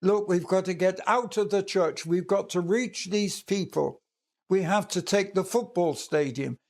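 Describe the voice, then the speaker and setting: Male evangelist, high voice, unhurried, emphatic sermon delivery. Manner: earnest, emphatic, retelling scripture. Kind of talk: preaching bible teaching.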